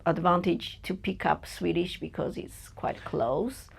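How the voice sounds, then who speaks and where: A woman from China, a native Chinese speaker with a Chinese accent, appears as a podcast guest in a personal interview. Her fairly low voice is gravelly and slightly rough, and she speaks unhurriedly, hesitating and searching for words with many fillers.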